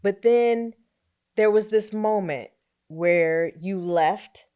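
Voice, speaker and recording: A woman hosting a community interview, asking slow, measured questions and giving short encouraging replies. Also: mid-range voice, dark tone, clear, resonant tone. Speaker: interview host.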